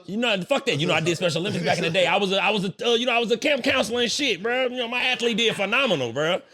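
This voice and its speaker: A man's voice: sits high, expressive, racing, bright, forceful tone. A man hosting a podcast, chatting casually, teasing his guest and punctuating remarks with slang. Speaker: podcast host. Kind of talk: casual chat.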